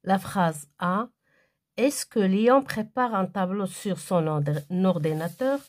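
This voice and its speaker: A woman giving a primary school grammar lesson, reading exercises aloud and answering them one by one in a deliberate way. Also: medium pitch, lively intonation.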